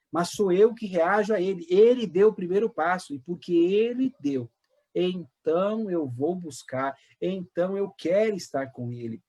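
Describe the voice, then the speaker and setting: A man's voice: sits high, a little mellow, husky. A man from Brazil, a pastor teaching an informal church Bible class in a conversational way, repeating words and asking the class questions.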